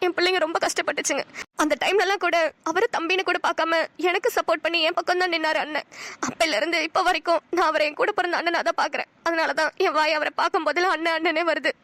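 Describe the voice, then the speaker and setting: A grateful married woman from a cartoon, earnest and full of feeling, as a woman acts her. She speaks fast in a bright, high voice, recorded dry and close. She pours out her heartfelt thanks. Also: fairly even intonation, no room sound. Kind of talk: cartoon voice acting.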